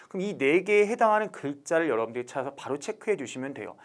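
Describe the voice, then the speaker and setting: Lively, questioning male exam lecturer. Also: on the high side. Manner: lively, asks students questions and answers them himself. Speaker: Chinese language exam instructor.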